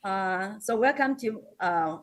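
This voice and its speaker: A Taiwanese-accented woman with an expressive, mid-range voice gives a principal's formal slide talk. Her delivery is halting, full of hesitations and self-corrections.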